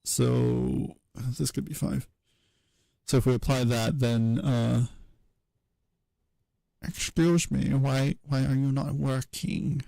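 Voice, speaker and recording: A man streaming as he works through a linguistics problem, thinking aloud in a hesitant, wry way with many pauses. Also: mid-range voice, steady tone, gravelly, warm tone, dry recording. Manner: hesitant self-talk with many pauses and fillers.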